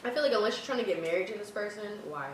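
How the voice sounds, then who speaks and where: A woman's voice: medium pitch, lively intonation, very fast. A young woman co-host in casual girl talk, blunt and slangy, slipping into quoted asides. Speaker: mukbang co-host giving advice. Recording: echoey room, faint noise.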